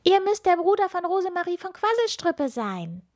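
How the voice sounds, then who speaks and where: A woman voicing an eager, bold little witch girl with a high, bright voice. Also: big pitch swings, moderate pace.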